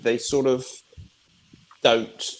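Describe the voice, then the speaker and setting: A man's voice: mid-range voice, level tone, drawn-out words, slight background noise. Male guest, hesitant, apologetic, video call. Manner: hesitant, apologetic, many fillers. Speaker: guest reviewer. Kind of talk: casual group chat.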